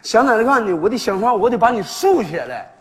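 A lively male sketch performer speaking northeastern Chinese dialect plays a father, teasing and laughing often in a high, fast voice. The sound comes from a live stage with hall reverb and an audience.

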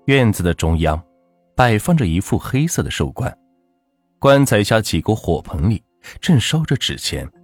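Male ghost-story teller, low and husky, dry close sound. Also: very animated, moderate pace, no room sound, faint music behind.

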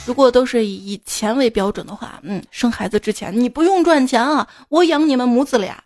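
A woman hosting a podcast speaks fairly high and a little fast, with a darkish tone, in studio-quality sound with no echo. She reads jokes aloud and riffs on them playfully with listeners while faint music plays.

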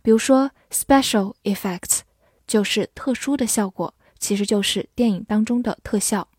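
A woman teaching English vocabulary, spelling words letter by letter and reading sentences slowly for listeners to repeat. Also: medium pitch, darkish tone, slightly rough, dry recording, clean studio sound. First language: Chinese. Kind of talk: slow, careful vocabulary lesson.

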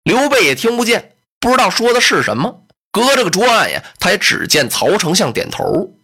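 A storyteller giving a traditional storytelling performance, dramatic and lively, with explanatory asides. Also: medium pitch, brisk, breathy edge.

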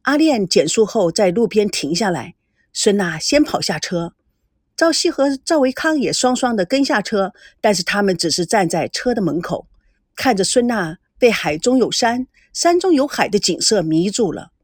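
A woman narrating an audiobook, her pitch moving freely up and down as she tells the story. Her voice sits in a middle pitch range and sounds dry and close, with no room around it. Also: moderate pace, slightly rough, dry recording. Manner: expressive, storytelling.

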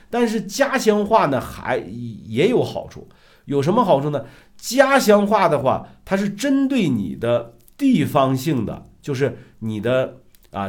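Middle-aged male host, casual lecture, animated rising and falling delivery, conversational. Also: mid-range voice. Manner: lively, emphatic, rhetorical questions. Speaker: self-media coach, show host. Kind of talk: casual talk-show lecture.

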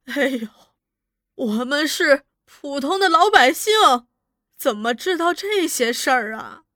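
A woman's voice: high voice, expressive, slow pace, fairly bright tone, no room sound, studio quality, heavily acted. A woman voicing a frightened old peasant woman who begs tearfully for mercy. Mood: pleading. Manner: tearful begging.

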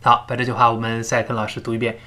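A man teaching English pronunciation in a recorded lesson, drilling phrases slowly and explaining sounds step by step. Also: mid-range voice, monotone, sharp tone.

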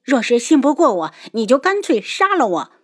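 A woman voicing a fierce, headstrong young noblewoman in an audiobook, shrill and impassioned. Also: very animated, normal speed, a little mellow. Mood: scornful. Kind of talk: audiobook character voice.

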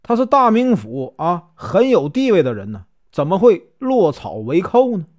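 A man's voice: sits high, sing-song, normal speed, a little mellow, no echo, clean studio sound, pitched above the performer's own voice. A male storyteller voicing an earnest, middle-aged outlaw chief who talks in a weighty way. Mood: concerned.

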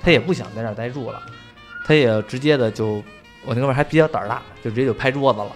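A man's voice: medium pitch, rapid-fire, faint music behind. A man telling a story in casual chat, swearing freely and laughing along.

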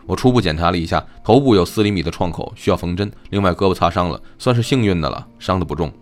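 A man voicing a male doctor who talks in a brisk, matter-of-fact, reproachful way. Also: deep voice, expressive.

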